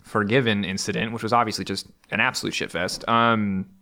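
A man's voice: on the low side, fairly even intonation, brisk, vocal fry, sharp tone. A man hosting a casual esports chat, easygoing and loose with his phrasing. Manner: easygoing, rambling with fillers. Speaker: esports caster and host.

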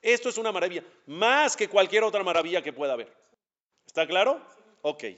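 A male rabbi teaching a religious class, his voice sitting a little high for a man. He talks to his students directly and throws out questions he answers himself. The recording sounds dull and lo-fi. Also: lively intonation, brisk, a bit bright. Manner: conversational, addresses students directly.

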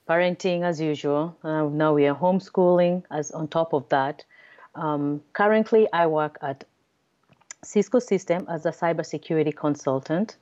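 A woman's voice: deep voice, a little mellow, lo-fi sound. A woman with a Kenyan accent answering interview questions conversationally, explaining things and often checking in with "right?". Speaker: podcast guest, cybersecurity consultant.

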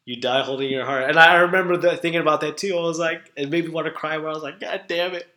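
A man chatting casually about movies, excitable and stumbling over restarts. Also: fairly high pitch, racing, reverberant, a little hiss or hum.

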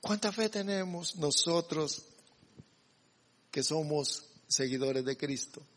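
A husky-voiced man preaching a slow, emphatic sermon, his voice high for a man. The recording rings with a long hall reverb. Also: animated, a bit bright. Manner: emphatic, addresses the congregation as brothers. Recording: echoey hall.

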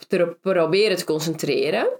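A woman with a notably low-pitched voice talks casually as an interview guest. She is from the Netherlands and tells her story lively, leaning on fillers along the way. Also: normal speed. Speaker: interview guest, former reality show finalist. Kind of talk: casual conversation.

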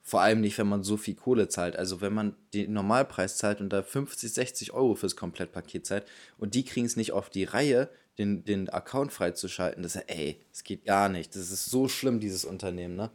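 A man's voice: on the low side, normal speed, hardly any pauses. A man co-hosting a podcast, chatting loosely and ranting with many fillers. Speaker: podcast co-host. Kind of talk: casual chat.

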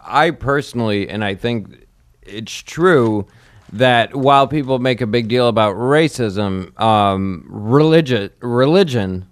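A man's voice: medium pitch, takes it slowly, no room sound. A man co-hosting a podcast who talks casually and rambles a bit, often starting his sentences over. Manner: rambling, hesitant, many restarts. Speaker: podcast co-host.

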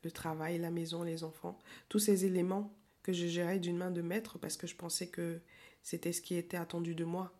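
A woman in her forties, tired and with a cold, hosting a podcast in a slow, hesitant personal monologue. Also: fairly low pitch, flat delivery. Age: 40s. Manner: soft, slow and hesitant, with frequent pauses. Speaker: podcast host.

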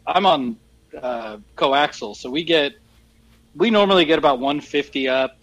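A man's voice: a little high, fairly bright tone. A man chatting casually as a podcast co-host, his voice sounding like a phone call over a poor connection, rambling and correcting himself as he goes. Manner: rambling, halting, self-correcting. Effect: sounds like a phone call over a weak internet connection. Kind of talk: casual chat.

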